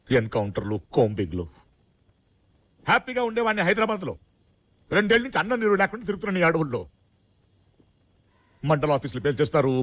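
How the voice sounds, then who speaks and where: An actor playing a blustering police officer in a film, loud and excitable, going from bossy to pleading. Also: male voice, sits high, exaggerated voice. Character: blustering, easily panicked forest police officer.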